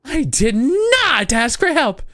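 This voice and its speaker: A man voicing an irritated, hurried young working girl in a video game, exasperated and snappy. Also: high-pitched, creaky, pitched above the performer's own voice. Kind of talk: role-play reading of game dialogue.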